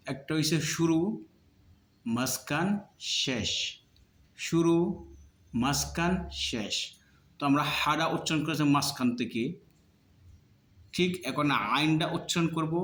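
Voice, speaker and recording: A man's voice: on the high side, fairly bright tone, echoey room. A man teaching Arabic letter pronunciation step by step, patiently drilling each sound with many repetitions in a colloquial way. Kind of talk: slow step-by-step lesson.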